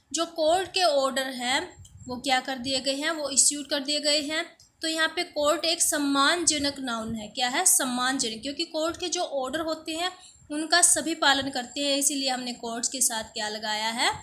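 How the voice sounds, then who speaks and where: A woman with a high, bright voice gives a grammar lesson. She reads each example phrase slowly and with care. She poses questions to the class and then answers them herself. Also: slight background noise. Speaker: English grammar teacher.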